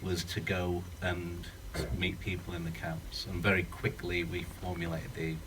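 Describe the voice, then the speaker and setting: With no working microphone in the screening room, this UK writer-director speaks up as he earnestly thinks aloud at a Q&A after his film. His voice is low, his delivery completely flat and unhurried, and there is background noise. The room sound comes across as distant.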